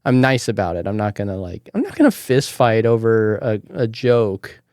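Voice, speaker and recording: A man's voice: lowish voice, very animated, moderate pace, a little mellow, no echo, studio quality. A man hosting a podcast who asks questions and tells loose, chatty stories full of filler words. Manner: chatty, loose storytelling with many "like"s. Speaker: podcast host. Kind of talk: casual chat.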